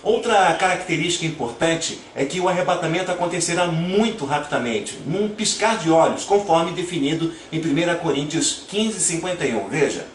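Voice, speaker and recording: A man's voice: fairly high pitch, normal speed, hardly any pauses. A man, earnestly explaining Bible verses one by one as a preacher. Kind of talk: Bible teaching narration. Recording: roomy echo, distant from mic, faint noise.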